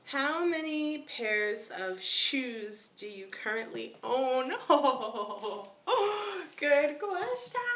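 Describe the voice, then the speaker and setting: A woman's voice: mid-range voice, pushed and bright, reverberant. A young woman chatting casually on a live stream, answering viewer questions in a slangy way with lots of "like".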